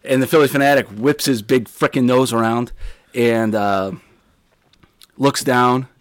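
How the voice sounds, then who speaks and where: Male storyteller, forties, animated, laughs through it, dry close mic. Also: mid-range voice, unhurried, no echo. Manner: animated, laughs mid-story, acts out chants and quotes. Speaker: guest telling a story. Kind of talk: casual storytelling.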